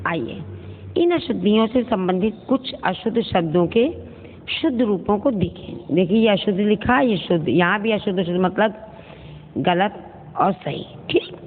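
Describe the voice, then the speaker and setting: Woman teacher for a kids' online lesson, patient and deliberate, calls pupils her children, faint hiss behind the lo-fi audio. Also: medium pitch, animated. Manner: slow, careful, repeats each word to contrast wrong and right forms; addresses pupils fondly as children. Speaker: school teacher. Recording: tinny phone-like audio with long reverb and faint noise.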